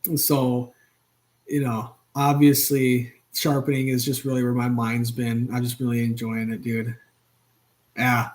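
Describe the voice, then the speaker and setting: A man's voice: mid-range voice, monotone, measured pace. A man in his thirties hosting a live stream from his home workshop, chatting loosely with many fillers and restarts. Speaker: channel host. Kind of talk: casual live-stream chat.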